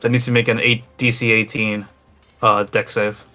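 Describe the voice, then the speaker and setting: A man's voice: fairly low pitch, level tone, moderate pace, pushed and bright, faint music behind. A man playing a tabletop game with friends, rambling and flustered as he corrects himself. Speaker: player. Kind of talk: casual tabletop play over voice chat.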